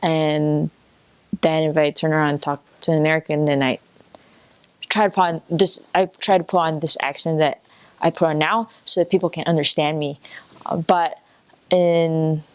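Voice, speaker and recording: A woman with a low-pitched voice and a softened Singaporean accent talks informally, explaining things as she goes. She pauses to search for her wording and offers examples in a casual way. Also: fairly even intonation, clean tone. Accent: Singaporean, softened for foreign listeners. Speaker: native speaker explaining dialect.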